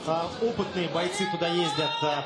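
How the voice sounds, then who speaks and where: A man commentating live on a fight, explaining the action in halting phrases. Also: on the high side, fairly even intonation. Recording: echoey, loud music and crowd.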